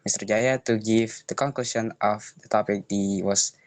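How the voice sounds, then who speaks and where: A man's voice: fairly low pitch, fairly even intonation, moderate pace. A man moderating a student video call politely, with lots of fillers. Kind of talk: moderating an online presentation.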